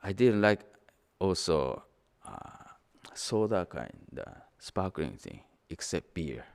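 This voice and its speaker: The older Japanese minister's voice is low-pitched and creaky here, very animated, with drawn-out words. A native speaker of Japanese, he weaves anecdotes into his sermon while alternating between Japanese and English.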